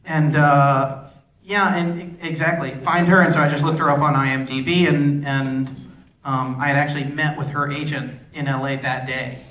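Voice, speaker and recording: A film director answering audience questions at a festival Q&A, rambling, restarting sentences and using many fillers. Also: male voice, on the high side, level tone, normal speed, a bit bright. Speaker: film director at a post-screening Q&A. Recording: echoey hall, voice from far off.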